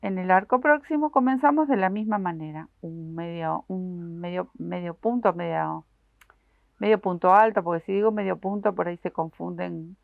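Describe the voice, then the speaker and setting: A woman walks viewers through a crochet pattern stitch by stitch, patient and full of little diminutives. Her voice has a gravelly fry to it. The sound is dry and thin, like it came through a phone. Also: fairly low pitch, moderate pace, few pauses, no echo, phone-quality sound. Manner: patient, explains each stitch while working; uses many diminutives, addresses viewers directly. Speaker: crochet instructor. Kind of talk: step-by-step craft tutorial.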